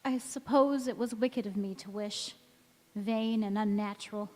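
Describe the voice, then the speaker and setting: Playing a devoted young wife under a curse that keeps her from aging, a woman with a natural, darkish, mid-range voice delivers unhurried, earnest melodrama in a stage radio play. The mood is desperate yet resolute, and the recording carries the echo of a large reverberant church or hall, with music behind.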